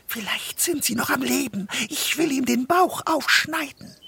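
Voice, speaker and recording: A man doing a high slow mother goat. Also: expressive, vocal fry, bright, forceful tone, slightly rough, full character voice. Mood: urgent. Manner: high, slow, drawn-out falsetto. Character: mother goat, also wolf faking her voice. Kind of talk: storybook narration.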